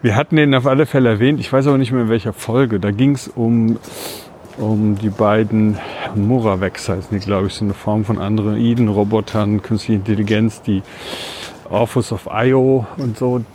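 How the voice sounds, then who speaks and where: A man's voice: fairly low pitch, fairly even intonation, moderate pace, a little mellow. A man co-hosting a casual podcast on foot outdoors, explaining things in a loose, rambling way. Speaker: podcast co-host. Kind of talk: casual chat while walking. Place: outdoors on a city route beside railway tracks. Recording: outdoor ambient noise, passing vehicles.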